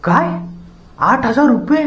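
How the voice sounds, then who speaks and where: Figure: a man doing a teasing young friend. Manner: lively. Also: extremely high pitch, a little slow, echoey room, soft background music, full character voice. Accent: Marathi. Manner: teasing, raised voice.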